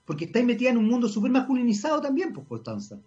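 A man's voice: very high-pitched, huge pitch swings, rapid-fire, a little mellow, muffled recording, faint music behind. Chatty Chilean man hosting radio. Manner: chatty, talks a lot, self-mocking. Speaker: radio host. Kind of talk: casual radio interview.

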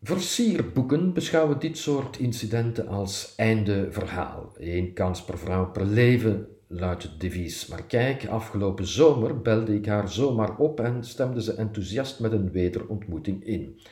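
Deep-voiced man, dry irony. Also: lively intonation, unhurried, hardly any pauses, dark tone, reverberant. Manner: dry, self-mocking irony. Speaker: columnist reading his column. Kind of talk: reading a personal column aloud.

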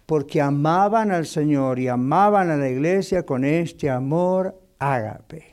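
A male pastor leads a Bible study in a church classroom. His voice sits a little high but sounds mellow and dark. He talks conversationally, slipping in English fillers and checking in with the class. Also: a little slow, smooth. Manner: sprinkles English fillers and keeps asking the class "right?". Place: church classroom in the United States.

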